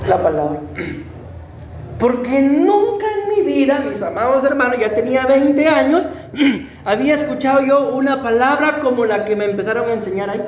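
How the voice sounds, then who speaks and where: A Costa Rican man preaching as a pastor, telling his own testimony in a conversational way, often clearing his throat and asking the congregation questions. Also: extremely high pitch, expressive, moderate pace, slight background noise. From Costa Rica. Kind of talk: sermon with personal testimony. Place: church sanctuary. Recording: echoey church room.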